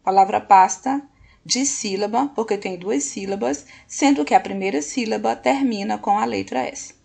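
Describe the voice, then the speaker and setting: A woman teaches a recorded lesson in a patient, unhurried way, checking in with her students as she goes. Her voice is strongly gravelly with a husky, breathy edge. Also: mid-range voice, darkish tone. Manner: patient, slow, often checks in with "ok?".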